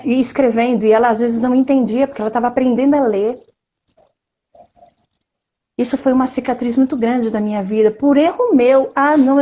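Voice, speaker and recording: This woman's voice is a little high. She has a Brazilian Portuguese accent and hosts a casual live stream, addressing viewers directly with expressive, emphatic delivery.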